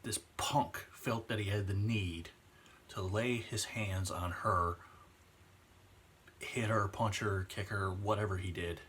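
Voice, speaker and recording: A man in his 20s, a vlogger, delivers an impassioned personal vlog rant, earnest and emotional, slowing down on the heavy points. His voice is lowish and fairly bright with fairly even intonation, and there's a little hiss or hum.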